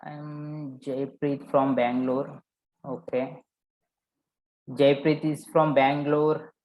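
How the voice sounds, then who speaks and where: A man's voice: a little high, level tone, takes it slowly, dull audio. Man coaching in a roomy echo. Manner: probing, repeats participants' answers back. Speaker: workshop coach. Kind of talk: live online coaching session.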